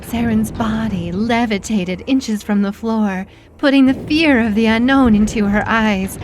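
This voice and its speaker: A woman narrating a horror story in a slow, theatrical, ominous manner. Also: a little high, soft background music.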